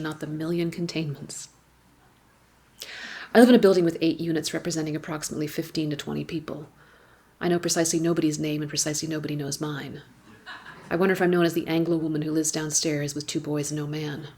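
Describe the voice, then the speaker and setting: A woman's voice: sits low, little pitch movement, quick pace, a little mellow, breathy edge. A woman, reading her own personal essay aloud on stage, wry and candid, with swearing and emphatic repetitions. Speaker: writer reading her work at an awards gala. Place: stage at a gala event.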